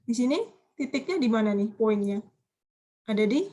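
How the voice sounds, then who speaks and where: Female language teacher, higher-pitched, lively and coaxing. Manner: lively, coaxing students with questions, quick asides. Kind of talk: online class lecture.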